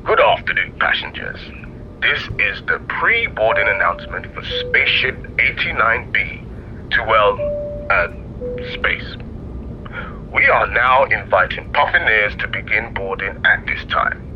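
A man's voice: lowish voice, animated, unhurried, a little hiss or hum. A man playing a spaceship crew announcer giving a boarding announcement over the intercom, formal with jokey asides. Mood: formal, playful. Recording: muffled lo-fi intercom sound.

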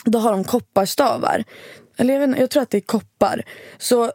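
A woman's voice: fairly high pitch, dry recording, clean studio sound. A woman co-hosting a podcast, telling stories in a casual chat and acting out what people said. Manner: animated storyteller, acts out quotes. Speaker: podcast co-host.

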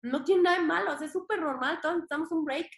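A young adult woman with a Mexican accent, a podcast guest chatting casually in an expressive, slangy way and acting out her inner voice. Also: very high voice, very fast, vocal fry. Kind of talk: casual conversation. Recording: echoey room.

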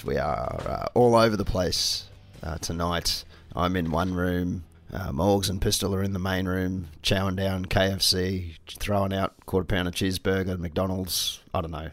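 A laid-back Australian man with a very low voice, thickened by a cold. He talks over a webcam from a room at home, and the sound is close and dry. He chuckles easily as he reads out listener letters. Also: fairly even intonation, normal speed, hardly any pauses, no room sound. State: congested from a cold. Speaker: podcast co-host. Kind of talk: casual chat. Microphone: webcam from another room.

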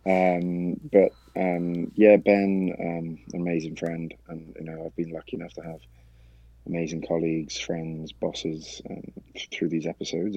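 A man telling his own story in a casual interview, halting with many fillers and restarts. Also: low-pitched, gravelly, warm tone, breathy edge, no room sound, muffled recording. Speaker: guest sharing his story.

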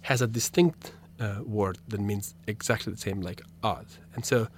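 With a little hiss or hum in the background, a young man with a fairly low voice talks at normal speed about his philosophy research as a radio guest. He is a graduate student and a native Italian speaker with an Italian accent, thoughtful and prone to restarts and fillers.

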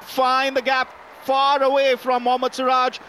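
A male cricket commentator with a high-pitched voice calls the play ball by ball. He is recorded live at the ground, with faint outdoor noise behind him. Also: completely flat delivery, moderate pace, bright, forceful tone.

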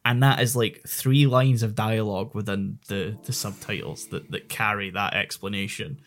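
A man's voice: fairly low pitch, steady tone, moderate pace. A man with a Scottish accent co-hosting a podcast, explaining in a rambling, self-correcting casual chat. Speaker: podcast co-host.

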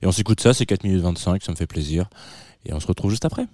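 A man's voice: sits low, lively intonation, fast talker, heavy background noise. A man hosting a music show in a casual, chatty way, talking straight to his listeners and wandering off on side remarks. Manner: chatty and digressive, talks to listeners directly. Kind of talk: casual radio music presenting.

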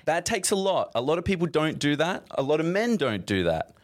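A man co-hosting a podcast, chatting casually and explaining things with quick asides. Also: on the high side, big pitch swings, slight background noise. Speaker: podcast co-host. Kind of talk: casual chat.

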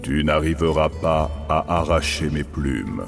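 A man voicing a proud, wise male griffon with a deep booming voice, speaking slowly and solemnly. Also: creaky, music in the background, exaggerated voice. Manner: slow, solemn.

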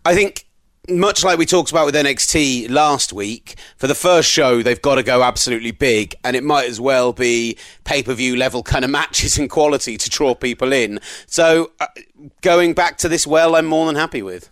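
A man's voice: mid-range voice, normal speed, fairly bright tone, dry recording. A man hosts a podcast in an easy, conversational manner, dropping in fillers as he goes. His voice sits in the middle of the range and is recorded dry and close, with no room sound. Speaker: podcast host. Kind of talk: casual podcast chat.

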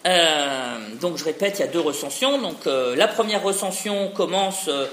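A man's voice: on the high side, expressive, moderate pace, a bit bright, a little hiss or hum. A man giving an academic lecture, talking discursively with many restarts and tag questions. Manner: discursive, frequent hein tags and restarts. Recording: roomy echo.

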